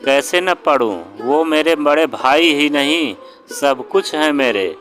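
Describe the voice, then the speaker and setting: A man's voice: fairly high pitch, expressive, slow pace, fairly bright tone. A man voicing a young man, the tearful younger brother of the story, who pleads in a choked voice. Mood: pleading. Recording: guitar music underneath.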